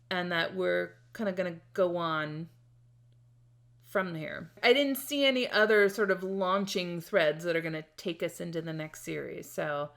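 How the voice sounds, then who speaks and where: A woman's voice: medium pitch, a bit bright. Chatty woman reviewing a TV series. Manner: chatty, rambling with restarts and laughs. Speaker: series reaction host. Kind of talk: casual video review to camera.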